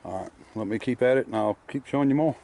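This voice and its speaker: A man's voice: mid-range voice, fast, warm tone, a little hiss or hum. A man talking casually about restoration work in his workshop, rambling with lots of fillers while chewing candy. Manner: rambling, plainspoken, many fillers. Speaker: car restorer showing his shop work. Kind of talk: casual shop vlog narration. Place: workshop garage.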